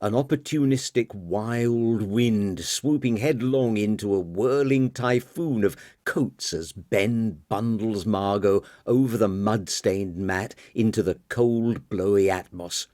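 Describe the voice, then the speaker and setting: A man narrating a novel as an audiobook in a dramatic, expressive reading. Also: fairly low pitch, slow, hardly any pauses, no echo, studio quality. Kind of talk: scripted narration.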